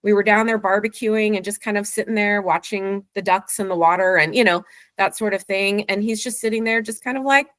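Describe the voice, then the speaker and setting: A woman's voice: medium pitch, fairly quick, a bit bright, no room sound. A woman guest telling a long story in a rambling way, full of "like" and "you know", speaking from home over a video call. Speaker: dog owner, guest. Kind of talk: casual storytelling in an interview.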